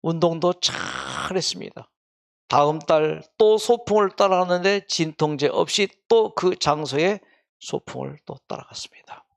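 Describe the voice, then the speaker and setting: A man delivers a faith-based health lecture, moving between quiet narration and questions to the audience. His voice sits a bit high for a man and has a strong gravelly fry. He speaks like a regular speaker of the lecture series. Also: unhurried.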